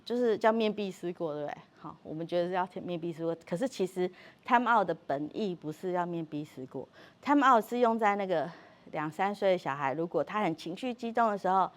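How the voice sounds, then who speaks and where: Animated woman giving a parenting talk. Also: fairly low pitch, fairly quick. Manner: animated, acts out quoted dialogue, repeats words, laughs often. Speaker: parenting workshop speaker.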